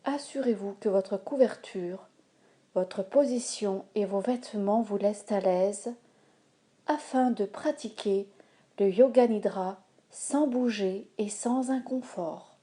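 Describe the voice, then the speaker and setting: Guiding a yoga nidra relaxation, a woman speaks at medium pitch. Her calm, soothing, measured instructions come with frequent pauses.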